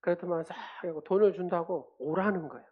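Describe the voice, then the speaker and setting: A man's voice: high-pitched, fast talker, slightly rough, narrow, tinny audio. A man preaching a sermon in a church. He speaks emphatically and leads the congregation in call-and-response. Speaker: pastor. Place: church sanctuary.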